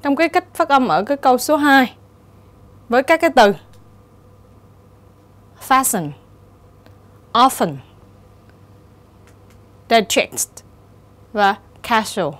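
A woman teacher giving a steady, explanatory exam-prep lesson and reading the answer options aloud. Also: high voice, moderate pace. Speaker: English teacher.

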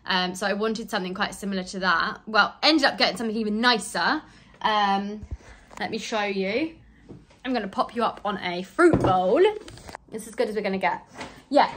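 A woman's voice: on the high side, noisy background. A young woman from England, chatting casually to her phone camera in a rambling vlog full of fillers. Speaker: vlogger. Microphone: handheld phone.

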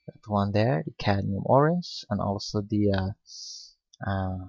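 A man giving a step-by-step painting lesson, speaking unhurriedly with many pauses and fillers. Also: on the low side, lively intonation, creaky, darkish tone, dry recording. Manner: unhurried, hesitant with frequent fillers. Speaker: painting instructor. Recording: dull lo-fi recording.

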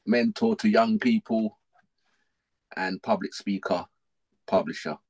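A middle-aged man with a South London accent takes his time, speaking slowly in a lowish voice as he tells his life story on a podcast. He's from South London, and his casual talk is slangy, animated and repetitive.

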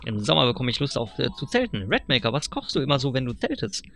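Guy reading out a chatty little villager, lively, a bit gravelly. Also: mid-range voice, quick pace. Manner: cheerful small talk. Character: chatty friendly animal villager.

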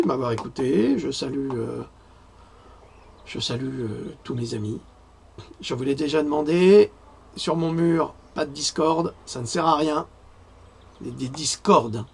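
Gravelly, husky man ranting indignantly. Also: a little high. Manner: ranting, emphatic, rambling, frequent "hein". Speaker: host of his own online broadcasts. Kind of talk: indignant political monologue to viewers.

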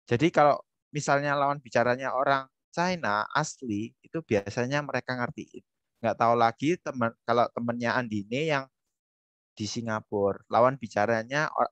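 A man's voice: mid-range voice, a bit bright, no room sound. A man on a discussion panel, answering a question emphatically and asking rhetorical questions. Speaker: panel speaker. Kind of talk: casual academic discussion.

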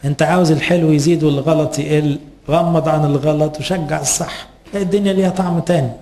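A man's voice: a little high, fairly even intonation, quick pace, warm tone. A man with an Egyptian Arabic accent, a priest giving an earnest, advising sermon to parents and asking rhetorical questions.

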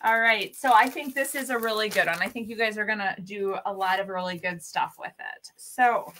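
Over slight background noise in a rough recording, a woman hosts a casual craft shop livestream, greeting viewers by name and filling her chatter with ums. She's bubbly, with a mid-range, fairly bright voice at a moderate pace.

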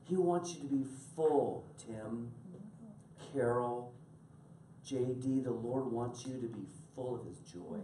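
A male pastor preaching a sermon to his congregation, animated and laughing as he tells stories and calls on people by name. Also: mid-range voice, takes it slowly, a little hiss or hum. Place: church sanctuary. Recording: echoey room from far off.

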